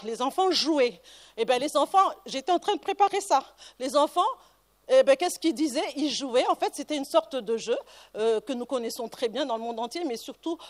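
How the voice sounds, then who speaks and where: A female researcher tells a personal story during a conference talk, often wandering into side comments and restarting her sentences. Her voice is high-pitched.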